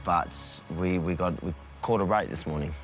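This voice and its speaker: A man's voice: sits low, normal speed. A man with an Australian accent, talking casually as if in an interview. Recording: music behind the voice.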